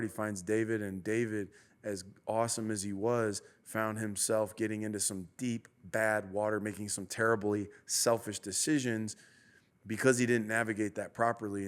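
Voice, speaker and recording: A low-pitched man speaking as a pastor on a conversational podcast. He reflects aloud in an earnest, preacherly manner and keeps turning things into searching rhetorical questions.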